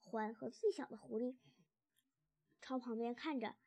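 A woman's voice: on the high side, a little slow, warm tone, dry recording. Woman reading a children's story.

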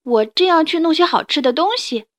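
A woman reading a storybook and voicing a cheerful, trusting young male tyrannosaurus who talks bright and eager. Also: high voice, very animated, normal speed.

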